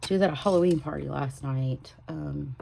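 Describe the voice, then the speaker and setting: A woman chatting casually at home while she sets up a weekly planner, sometimes drifting into a soft whisper. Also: low-pitched, normal speed, gravelly, noisy background. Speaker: planner vlogger. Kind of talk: casual plan-with-me chat. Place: home desk.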